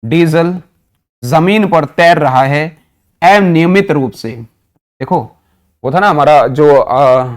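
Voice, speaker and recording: Slow and given to long pauses, a man with a voice on the high side teaches English vocabulary online using mnemonics. He has an Indian accent, switches between Hindi and English phrases, and answers the questions he raises.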